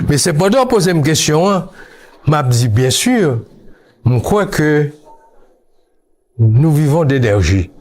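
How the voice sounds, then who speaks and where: A man from Haiti, speaking as an interview guest, recalling his childhood in a slow, musing way that mixes Creole and French. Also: on the high side, a little mellow. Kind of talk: reflective interview talk.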